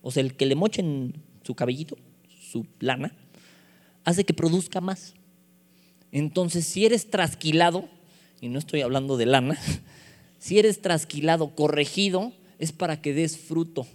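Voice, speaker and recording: Preaching in a fairly high voice, a man keeps the mood playful and throws out one rhetorical question after another. He speaks at a measured pace with long pauses, and his words echo with a long, hall-like reverb.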